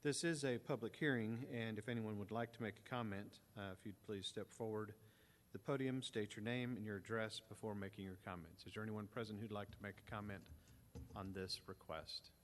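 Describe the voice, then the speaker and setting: A man chairing a public board hearing in a formal, procedural manner, heard on a meeting-room hearing recording. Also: fairly low pitch. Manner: measured, procedural.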